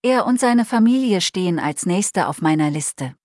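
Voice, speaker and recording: A woman voicing the kind, magical Christ Child in a Christmas storybook, speaking calmly and reassuringly. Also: lowish voice, normal speed, no echo, clean studio sound. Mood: kindly. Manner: calm, kindly, reassuring.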